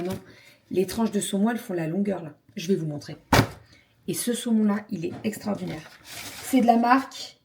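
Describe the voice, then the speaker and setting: A woman's voice: medium pitch, creaky, noisy background. Chatty woman vlogging casually. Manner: chatty, slangy, lots of filler pauses. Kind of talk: casual daily vlog chat.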